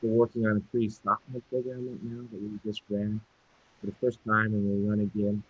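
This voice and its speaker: Male professor, lowish husky voice, joining remotely over a patchy call that breaks up, halting delivery. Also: little pitch movement, phone-quality sound. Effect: unstable online connection breaking up. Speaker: computing professor on a panel. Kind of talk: panel discussion. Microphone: video call.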